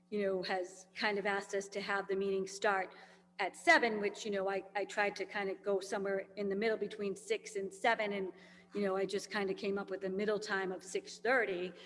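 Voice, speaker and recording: A woman on a school committee speaking at a public meeting, tired and losing her voice, rambling with many fillers. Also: mid-range voice. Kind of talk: meeting discussion. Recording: long reverb, faint hum.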